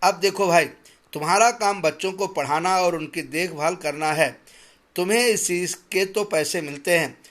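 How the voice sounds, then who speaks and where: A stern, calculating master of the house who tallies every coin aloud and lectures with heavy, deliberate emphasis, as a man voices him while reading a school story. His voice sits a little high for a man and turns sharp and stammering when his anger boils over. The figure is drawn plainly, close to the reader's own voice. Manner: pedantic, then shouting and stammering in anger.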